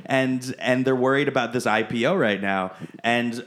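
A man's voice: mid-range voice, normal speed, fairly bright tone. Rambling, casual-talking man. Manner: rambling, swears casually, restarts often. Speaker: podcast co-host. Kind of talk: casual chat.

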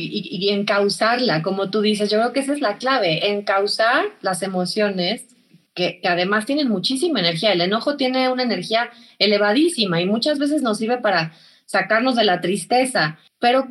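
A woman's voice: mid-range voice, a bit bright. A woman interviewing a guest, listening attentively with frequent affirmations and asking reflective questions. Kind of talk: conversational interview.

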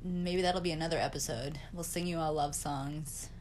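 A woman's voice: sits low, fairly even intonation, moderate pace, a little mellow, slight background noise. A woman co-hosting a podcast in casual chat, playful and laughing, stretching out her words. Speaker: podcast co-host.

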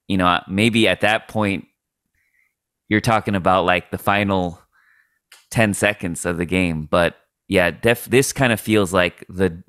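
A man nearing forty talks in a very deep, smooth and resonant voice. He muses thoughtfully on a casual faith podcast, pausing and restarting as he thinks. The sound is dry and close. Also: fairly bright tone, no echo. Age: late 30s. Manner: reflective, thinks aloud with many fillers. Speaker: podcast co-host.

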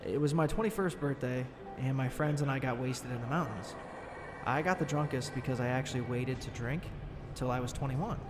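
A man playing a defensive, shaken young man giving witness testimony in an audio horror story, informal and halting. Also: mid-range voice, over music, natural voice. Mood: matter-of-fact. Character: defensive, shaken 23-year-old male attack witness.

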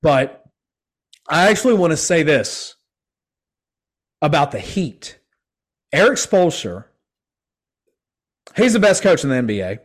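A young adult man chats casually as podcast host, his voice sitting a little higher than most men's. He rambles, restarts and leans on filler words and slang in easy conversational sports talk. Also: sing-song, unhurried, long pauses.

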